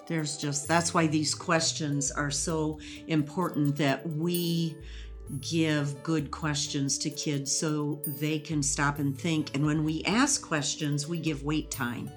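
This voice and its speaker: A woman with a low voice talks through ideas in a patient, teacherly way. She explains step by step and laughs easily, and faint music sits quietly under her. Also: level tone, slow pace. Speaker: educator guest. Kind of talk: conversational interview.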